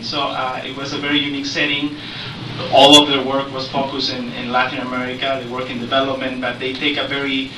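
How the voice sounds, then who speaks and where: A middle-aged man from Peru with a Peruvian Spanish accent, speaking unscripted as a panelist with many pauses and restarts. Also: medium pitch. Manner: hesitant, many fillers and restarts. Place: large conference room at a panel table. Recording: echoey room, distant mic, noisy.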